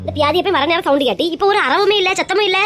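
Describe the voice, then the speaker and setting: A woman's voice: very high-pitched, very fast, a bit bright, faint music behind. Woman playing a fiery scolding mother. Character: fiery angry mother, wronged wife. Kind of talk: comedy skit acting.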